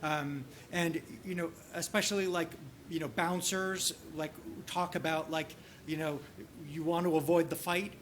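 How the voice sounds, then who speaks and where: A man presenting a teaching workshop and talking through a case, halting often and restarting his sentences, with lots of "you know". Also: a little high, fairly even intonation, a bit bright, slight background noise. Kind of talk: conference teaching session with case discussion.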